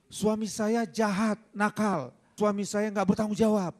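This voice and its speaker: A man's voice: high-pitched, normal speed, gravelly, a little mellow, pitched above the performer's own voice. A man voicing a tearful young wife who begs for help and wants a divorce. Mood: pleading. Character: young wife pleading to divorce her husband.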